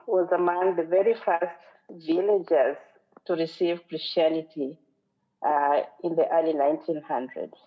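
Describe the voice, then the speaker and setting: A woman from western Kenya with a Kenyan accent, giving an earnest, reflective sermon as a guest speaker at a church. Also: low voice. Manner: earnest, reflective, quotes scripture and song lyrics. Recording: phone-like narrow sound.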